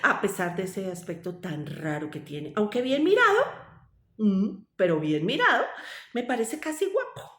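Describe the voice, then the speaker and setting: A woman voicing a loving, worried mother duck who reassures gently, recorded in a roomy space. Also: medium pitch, big pitch swings, moderate pace. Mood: fond. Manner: fond and reassuring. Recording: roomy echo.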